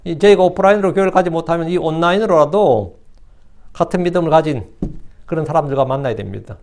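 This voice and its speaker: A man preaches at a brisk clip, in a voice that sits high for a man. He drops in quick asides and rhetorical questions, and now and then slips into mocking voices of scoffers. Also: darkish tone. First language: Korean. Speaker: pastor. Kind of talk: sermon.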